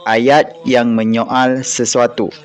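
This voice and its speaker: A man with a Malaysian Malay accent teaching an online class, reading example sentences aloud slowly and patiently. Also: mid-range voice, level tone, clean tone, faint music behind. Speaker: religious school teacher.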